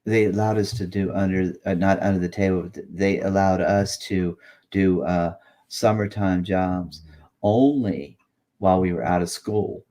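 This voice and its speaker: Guy pushing sixty, really low voice, rambly and swears a lot. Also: fairly even intonation, unhurried, dark tone. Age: late 50s. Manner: rambling, profane. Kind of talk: casual chat.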